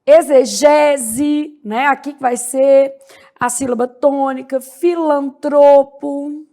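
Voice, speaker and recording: Woman teaching grammar; high, slow delivery, checks in with her class after every point. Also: little pitch movement, darkish tone. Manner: slow, spells out words syllable by syllable, frequent "né?" and "beleza?". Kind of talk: grammar lecture.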